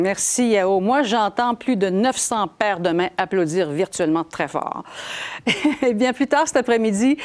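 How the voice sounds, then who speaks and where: A woman's voice: medium pitch, darkish tone. A woman, hosting a live event in a playful manner, stretching out words for emphasis. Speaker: host.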